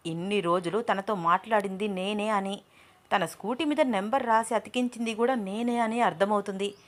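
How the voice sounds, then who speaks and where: A woman narrator plays a calm young boss in an audio story, speaking in a measured, gently firm way. His voice stays close to the reader's own, with no strong put-on sound. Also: mid-range voice, lightly acted. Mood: worried. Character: young man Abhiram, calm boss, anxious inside.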